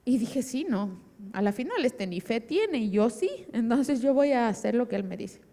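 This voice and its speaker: A woman's voice: on the high side, animated, moderate pace, vocal fry, dark tone. Woman testifying in a reverberant hall. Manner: vivid storytelling, acting out remembered dialogue. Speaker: church member giving testimony. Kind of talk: emotional personal testimony. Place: church hall.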